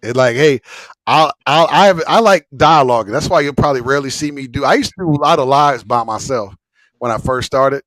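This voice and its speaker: A man's voice: mid-range voice, fairly quick, a bit bright, no echo, low-quality recording. Rambling, slangy man hosting, dry close sound. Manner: rambling and repetitive, frequent swearing, slangy. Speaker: host of a live smoke-session stream. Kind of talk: casual livestream chat.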